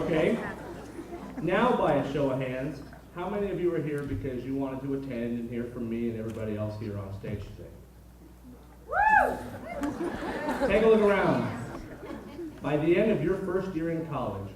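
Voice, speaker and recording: A man's voice: medium pitch, a little mellow. A young man giving a prepared motivational speech as a student leader to an audience in a large auditorium. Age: young adult. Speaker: student body president addressing freshmen. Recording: very echoey hall, distant, faint noise.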